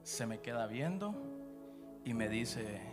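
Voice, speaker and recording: A man from Guatemala with a Guatemalan Spanish accent, giving his church testimony in an unscripted storytelling way, full of fillers, his voice dropping low when he recounts dark moments. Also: lively intonation, takes it slowly. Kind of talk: personal testimony after prayer. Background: background music.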